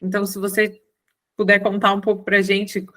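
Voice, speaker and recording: A woman with a Brazilian Portuguese accent, co-hosting a podcast, asking an interview question quickly with hesitant fillers. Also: medium pitch, monotone, sharp tone. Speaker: podcast co-host.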